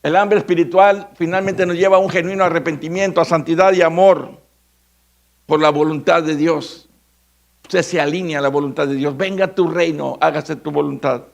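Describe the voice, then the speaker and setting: A man's voice: on the high side, steady tone, normal speed. A man with a Mexican Spanish accent preaching a sermon as pastor, dramatic and acting out the voices of biblical figures. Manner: dramatic, acts out biblical voices, shifts from shouting to hushed.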